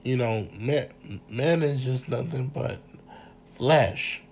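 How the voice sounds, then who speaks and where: A man with a congested voice giving an informal mini lecture, halting and repeating words as he speaks earnestly to his listeners. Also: mid-range voice, slight background noise. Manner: earnest, addresses listeners directly. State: congested from a cold.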